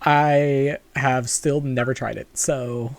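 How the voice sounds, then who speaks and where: A man serving as game master, recapping the last session in a slow, unhurried way. His talk is full of fillers, halting restarts and small laughs. The sound is close and dry, with no room around it. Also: medium pitch, level tone, dry recording.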